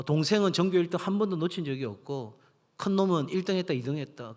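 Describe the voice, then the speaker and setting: Middle-aged male pastor preaching. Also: on the high side. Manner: storytelling, acts out voices in anecdotes. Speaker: senior pastor. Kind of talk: sermon. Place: church sanctuary. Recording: long hall reverb.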